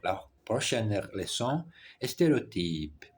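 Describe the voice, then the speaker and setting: A Portuguese-speaking man learning French reads practice text aloud, slow and husky, at a fairly low pitch with big swings up and down. He's halting and careful, often correcting himself.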